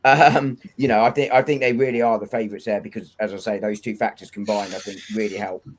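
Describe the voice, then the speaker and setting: A man's voice: fairly low pitch, little pitch movement, quick pace, a little hiss or hum. A man on an online football panel, making articulate, analytical points. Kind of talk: casual football chat.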